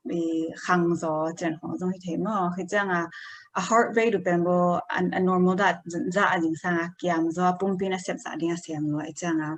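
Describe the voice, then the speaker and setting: Woman, lower pitch, hesitant health presenter, slow informal explainer. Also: steady tone. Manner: hesitant, slow explaining with English medical terms.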